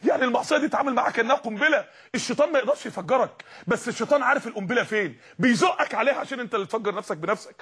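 High, husky Egyptian man preaching passionately. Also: animated, very fast. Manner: impassioned, pleading, at times shouting. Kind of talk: sermon to young people.

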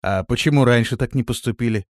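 A man playing a calm, guarded former mage. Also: medium pitch, quick pace, no room sound, clean studio sound, close to an everyday voice. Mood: reserved. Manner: calm, reserved.

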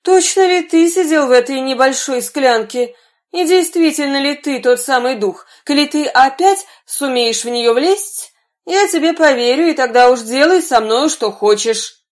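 A woman voicing a bold, quick-witted young man who talks brisk, cheeky and raised. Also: high-pitched, natural voice.

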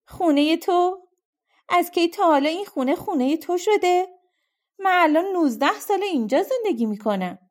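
A woman reading a storybook, voicing an angry woman who sputters quick indignant questions at a stranger in her doorway. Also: very high voice, expressive, voice pushed up.

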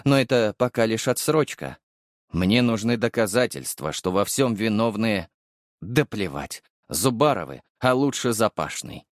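A man narrating a first-person audiobook with expressive, wry storytelling. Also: lowish voice, unhurried, no room sound, clean studio sound.

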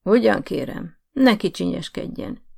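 A woman's voice: mid-range voice, creaky. Woman playing a sneering cold official. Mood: contemptuous. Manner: hissing, curt and mocking. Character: rude male official, condescending and cold.

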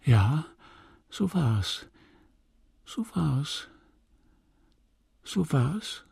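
A man reading the part of a wistful, restrained married woman who speaks quietly and gently refuses. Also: fairly high pitch, very animated, very slow, gravelly, slightly rough, no echo, exaggerated voice. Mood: dreamy.

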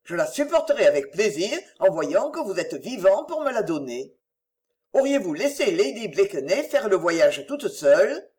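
A reader voicing a loyal young gentleman who speaks in an earnest, cautious way in an audiobook. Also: medium pitch, very animated, moderate pace, lightly acted. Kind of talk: audiobook reading.

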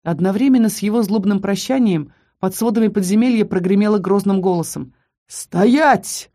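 Reading fairly quickly in a dark, mid-range voice, a woman narrates a first-person fantasy audiobook with dramatic flair.

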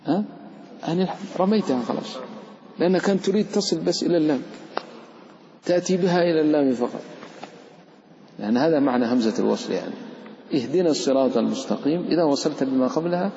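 A man's voice: on the high side, fast, creaky, pauses often, warm tone, slight background noise. A man, a sheikh teaching Quran recitation rules, explains the material conversationally to his students, quizzes them and gives the letters voices of their own. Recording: dull reverberant hall recording.

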